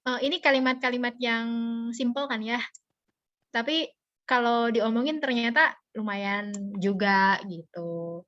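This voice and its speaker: A woman who once worked as a radio announcer teaches public speaking on a video call, in a lively, playful way with frequent laughs. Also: medium pitch, dry recording. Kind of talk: online workshop teaching. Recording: muffled video call audio.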